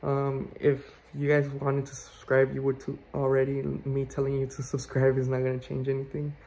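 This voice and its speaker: A man's voice: medium pitch, monotone, normal speed, darkish tone, poor audio. A young man in his twenties giving a chatty, filler-heavy house tour as a vlogger, recorded on a handheld phone camera. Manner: loose and chatty, full of fillers. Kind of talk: casual house tour vlog. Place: indoors at home. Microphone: phone held in hand.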